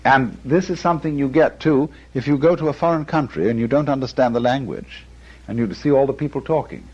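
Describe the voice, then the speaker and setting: A man's voice: medium pitch, fairly quick, a little mellow, slightly rough. A man giving a musing lecture on art and philosophy, chuckling often and breaking off into asides. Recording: dull lo-fi lecture recording.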